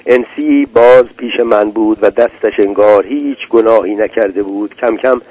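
Brooding low-voiced male narrator. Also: dull audio. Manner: measured, brooding first-person reading. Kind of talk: literary audiobook narration.

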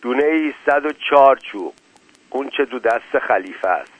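A man voicing a sharp male gambler who quickly works out the stakes. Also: medium pitch, expressive, close to an everyday voice. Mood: brisk. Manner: brisk, calculating. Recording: tinny phone-like, dry.

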